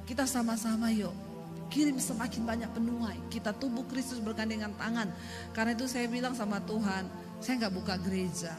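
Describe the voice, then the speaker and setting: Over music, a woman with a fairly high voice preaches a little fast in a church hall, the recording full of its long reverb. Her sermon is emphatic, with lively storytelling and acted-out quotes.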